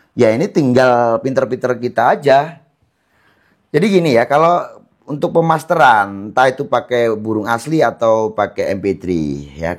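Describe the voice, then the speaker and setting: Chill guy, kinda low voice, talking birds w/ lots of "gitu ya". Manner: relaxed and conversational, lots of fillers like "gitu ya". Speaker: songbird keeper giving training tips. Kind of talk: casual explanatory talk.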